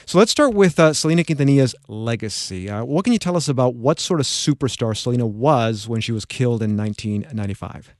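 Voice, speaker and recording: A man's voice: medium pitch, lively intonation, fast talker, no echo. A male radio host leads an interview with easy, conversational questions. His voice sits in a middle register, and the studio sound is dry and close.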